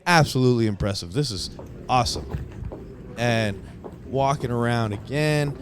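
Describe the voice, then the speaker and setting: An excited young man talks through his tour footage in a loose, rambling vlog style, full of fillers and restarts. His voice sits at an ordinary middle pitch. Loud city ambience and passing traffic run underneath. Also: normal speed. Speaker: vlogger giving a stadium tour. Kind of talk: casual voice-over narration.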